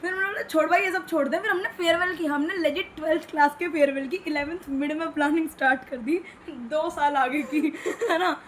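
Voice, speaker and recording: Young woman vlogger, high-voiced and chatty, faint room noise. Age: young adult. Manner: chatty, quick, laughs often. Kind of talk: casual vlog chat.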